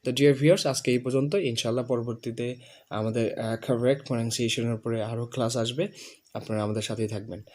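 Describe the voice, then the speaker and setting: A man teaching English pronunciation, saying each word slowly and over and over for a student to copy. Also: medium pitch, steady tone, darkish tone. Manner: repeats words slowly, drilling the student. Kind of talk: pronunciation lesson.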